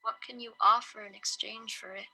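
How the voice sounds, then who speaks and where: A woman voicing a poor old grandmother who speaks slowly, politely and with resignation. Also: fairly high pitch, steady tone, sharp tone, full character voice. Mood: resigned.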